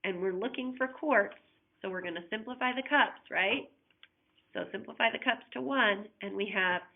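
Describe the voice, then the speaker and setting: Woman math teacher on a tinny line. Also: mid-range voice. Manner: patient, talks through each step, asks students to check along. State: coughing repeatedly. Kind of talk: recorded flipped-classroom math lesson. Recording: tinny, phone-like audio.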